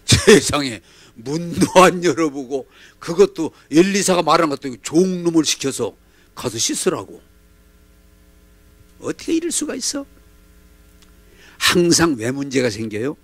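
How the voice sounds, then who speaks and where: Brief: fiery male preacher, fairly high voice that swoops up and down, dry close mic. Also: measured pace, pauses often, no room sound. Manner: animated, dramatic, leads call-and-response. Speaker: pastor. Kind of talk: sermon. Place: church.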